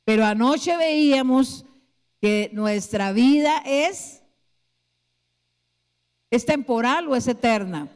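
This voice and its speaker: A woman's voice: on the high side, expressive, slow pace, long pauses. Woman pastor preaching in a reverberant hall. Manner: asks the congregation many rhetorical questions. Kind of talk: sermon. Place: church hall. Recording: long church hall reverb.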